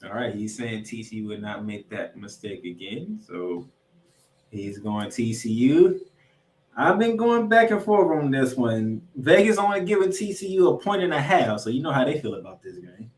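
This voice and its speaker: A man with a medium-pitched, sing-song voice previews football on his sports podcast at a normal speed. He uses an announcer-like manner, calling out to ladies and gentlemen, and the recording is echoey with him distant from the mic.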